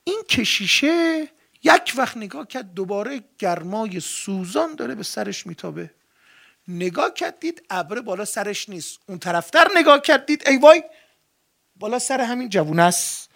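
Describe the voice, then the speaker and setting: A man preaching, telling a story in an animated way and voicing the people in it. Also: high-pitched, creaky. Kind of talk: sermon storytelling.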